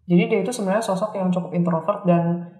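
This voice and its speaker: A woman with an Indonesian accent appears as a psychic reader on a talk show, explaining things in casual conversation and informally mixing in English words. Her voice is warm, steady, fairly low and fast, recorded in a roomy, echoing space.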